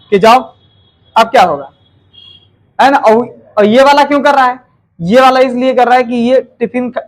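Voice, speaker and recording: A man with a very high voice teaches grammar in a relaxed classroom manner. He keeps checking in with his listeners through quick rhetorical questions. Now and then he acts out example lines in different tones to show how they come across.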